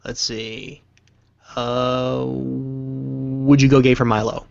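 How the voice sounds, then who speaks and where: A man's voice: mid-range voice, level tone, extremely slow, gravelly, darkish tone, no echo, lo-fi sound. A man co-hosting a casual livestream, reading out questions and teasing his partner with dry remarks. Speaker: co-host asking questions.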